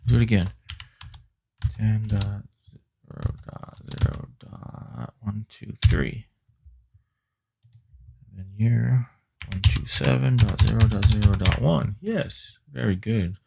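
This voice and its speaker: A man's voice: lowish voice, slow, vocal fry, long pauses, warm tone, a little hiss or hum. A man teaching a live-streamed IT class, muttering and grumbling at the computer while he reads out network addresses as he types. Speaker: IT instructor.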